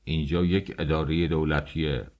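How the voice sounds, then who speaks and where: A man voicing a gruff, scolding mustached male doorman at a government office in an audiobook. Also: a bass voice, steady tone, a little mellow, muffled recording, voice pushed down. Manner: barking, scolding.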